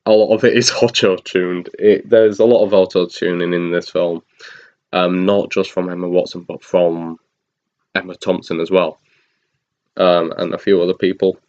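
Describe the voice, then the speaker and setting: Deep-voiced man rambling through a review. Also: level tone, normal speed, darkish tone. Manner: rambling, frequent ums and restarts, chuckles. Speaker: film reviewer. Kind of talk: casual spoken review. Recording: dull lo-fi recording.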